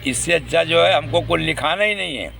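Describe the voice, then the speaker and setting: A man's voice: fairly high pitch, fairly quick, creaky, sharp tone. A man speaking to the public in a casual monologue, indignant and complaining.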